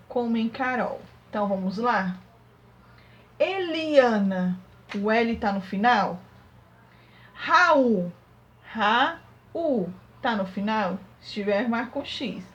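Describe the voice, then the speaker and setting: A woman teaching a young class remotely, working through exercises step by step and sounding out syllables slowly. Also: on the high side, poor audio. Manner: slow, syllable-by-syllable dictation. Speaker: primary school teacher.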